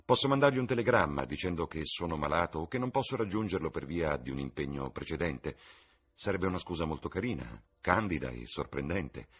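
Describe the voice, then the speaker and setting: A man voicing a languid, witty aristocratic gentleman who speaks in ironic, theatrical epigrams. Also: extremely low pitch, animated, brisk, slightly rough, heavily acted. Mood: amused.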